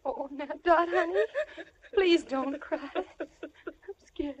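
A woman's voice: extremely high pitch, takes it slowly, muffled recording, a little hiss or hum. An actress playing a timid, frightened young woman in a 1940s radio drama, pleading and breathless.

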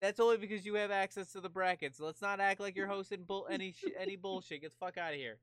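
A man's voice: sits high, steady tone, quick pace, a bit bright, clean tone, no room sound. A man hosting a casual podcast, brash and cursing freely, laughing often as he banters. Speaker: podcast host.

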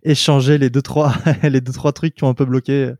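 A man's voice: mid-range voice, level tone, fairly quick, a little mellow, dry recording, clean studio sound. A man hosting an interview, asking easygoing questions in a casual way and laughing along with his guest. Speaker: podcast host.

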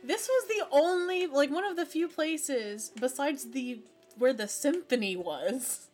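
A woman co-hosts a casual podcast and tells a convention travel story with lively energy. Her voice sits a little high. Faint music plays underneath. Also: measured pace. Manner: animated storytelling with laughs. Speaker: podcast co-host. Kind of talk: casual chat.

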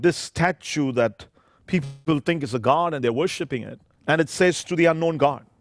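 A man's voice: on the high side, creaky. A man, a pastor preaching a sermon into a pulpit microphone, emphatic and drawing out scripture phrases word by word.

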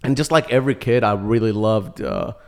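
A man in his thirties, from Iraq, speaks in a fairly low voice. He is a podcast guest in a casual chat, telling a long story with easy good humor. He laughs often as he talks. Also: fairly quick, darkish tone.

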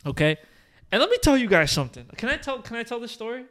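A young man hosting a podcast, telling a long story in animated bursts, swearing and restarting his sentences, full of fillers. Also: very high voice, quick pace. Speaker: podcast host. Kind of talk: casual chat.

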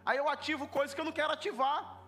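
A male pastor preaching an animated sermon, repeating words for emphasis and acting out little dialogues. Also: extremely high pitch, racing, soft background music. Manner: animated, repetitive, acts out dialogues.

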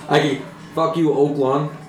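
A man's voice: on the high side, a little mellow. A man from the Chicago area hosting a casual podcast chat, loose and joking, swearing freely. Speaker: podcast host. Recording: echoey room, faint noise.

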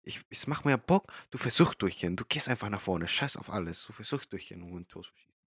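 A man's voice: fairly low pitch, lively intonation, quick pace, slightly rough, dry recording, clean studio sound. A man from Chile speaking German, chatting casually on a podcast, slangy and often searching for words. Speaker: podcast co-host. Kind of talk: casual chat.

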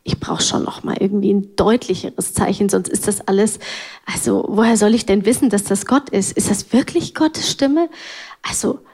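A woman giving a gentle, reflective part of a sermon. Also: medium pitch, normal speed, breathy edge. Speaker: church speaker.

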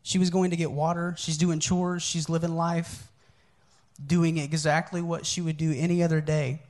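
Earnest preacher, a man with a slightly higher voice. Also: level tone, normal speed, darkish tone. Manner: conversational storytelling preacher, candid and earnest. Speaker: pastor. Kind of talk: sermon.

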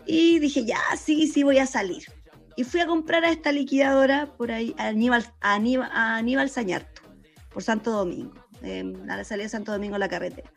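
A Chilean woman telling a story in casual chat, animated and slangy, laughing often. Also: a little high, brisk, gravelly, soft background music.

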